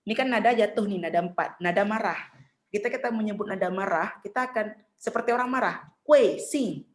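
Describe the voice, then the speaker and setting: A middle-aged woman teaching Mandarin in an online class, chatty and patient, saying tones slowly for students to copy. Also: medium pitch.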